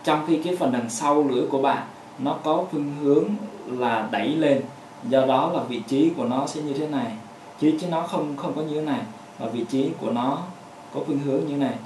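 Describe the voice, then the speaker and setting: A man's voice: fairly high pitch, darkish tone, distant mic, slight background noise. Vietnamese man explaining a lesson, echoey room. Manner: halting, with many fillers, repeating example words. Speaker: pronunciation teacher. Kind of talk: explaining a lesson with hand demonstrations.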